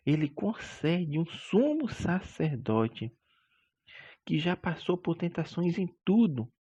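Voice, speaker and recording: A man's voice: on the high side, gravelly, warm tone, husky, dull audio. A man teaching a Bible lesson as a Sunday school teacher, preachy and emphatic, stretching out key words and calling his listeners brother.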